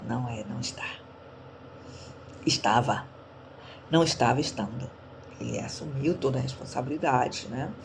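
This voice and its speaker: A woman's voice: extremely low pitch, moderate pace, vocal fry, pauses often, slight background noise. A woman from Brazil sprinkled words, giving a chatty online church talk and often checking in her listeners. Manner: chatty, tags questions to listeners. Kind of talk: casual sermon talk.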